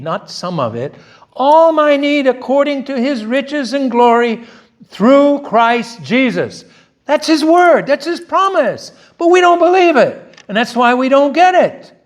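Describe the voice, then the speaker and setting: In a church sanctuary, a middle-aged male pastor preaches a bilingual sermon, switching between Korean and English. He is loud and emphatic, firing off rhetorical questions in a very high-pitched voice.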